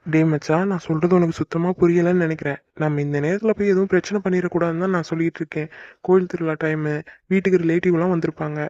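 A man's voice: on the high side, steady tone, fast, a little mellow, no echo, muffled recording, lightly acted. A man voicing a young man in a cartoon who worries a lot and grumbles at his friend in exasperated banter. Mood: grumbling, fretful. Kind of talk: cartoon voice acting.

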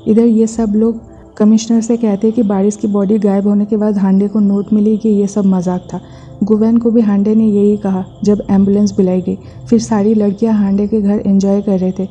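Husky dark-voiced woman recapping a drama. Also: mid-range voice, level tone, soft background music. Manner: brisk plot summary, quotes lines in a plain voice. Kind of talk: episode recap narration. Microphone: voice-over. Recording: dull lo-fi voice-over.

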